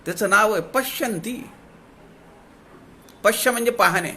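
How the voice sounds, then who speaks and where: A man with a Marathi accent giving a devotional discourse, drawing out quoted verses slowly. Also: high-pitched, bright, forceful tone, a little hiss or hum. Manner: slows to draw out quoted verses. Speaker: spiritual discourse speaker. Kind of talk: devotional discourse explaining scripture.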